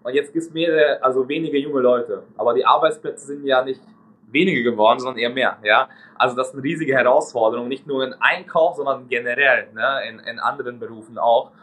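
Mann mit ungarischem Akzent im Interview. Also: male voice, mid-range voice, fairly quick, fairly bright tone. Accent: Hungarian. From Hungary. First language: Hungarian. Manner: fluent but non-native German, tags ne, ja. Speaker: interview guest, agency co-founder. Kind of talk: casual interview talk.

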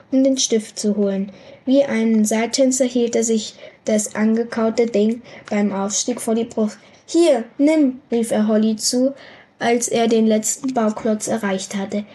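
A woman reads a children's book aloud with a lively storyteller's manner. Her voice sits fairly high. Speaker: reader.

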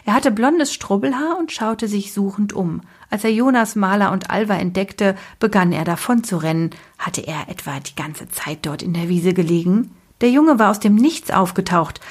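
A woman with a breathy voice reading a children's book aloud expressively, dropping to a whisper at tense moments. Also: medium pitch, animated, moderate pace. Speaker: storyteller.

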